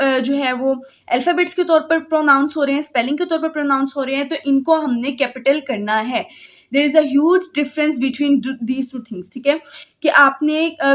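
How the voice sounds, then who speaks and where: High-voiced woman teaching grammar. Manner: explains step by step, often checking with "ठीक है"; reads English rule headings slowly. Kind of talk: exam-prep grammar lesson.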